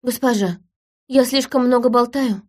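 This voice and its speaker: Eager talkative maid, high and quick, voiced by a woman narrator. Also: darkish tone, close to an everyday voice. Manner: chattering, eager and higher pitched.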